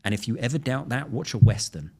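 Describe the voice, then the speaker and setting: A man with a London accent, a guest in a podcast interview who tells stories in an animated way. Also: medium pitch, quick pace, husky. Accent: London English. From London, England. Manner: animated storyteller, acts out quoted voices. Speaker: guest, crypto lawyer.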